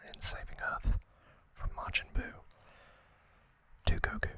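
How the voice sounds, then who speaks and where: Whispering quietly and breathily, a male ASMR host offers trivia in clipped, halting phrases.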